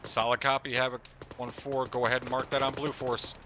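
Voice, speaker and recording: A man giving calm, clipped radio fire calls in a military role-play as squad leader. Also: medium pitch, brisk. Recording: faint noise, gunfire behind voice.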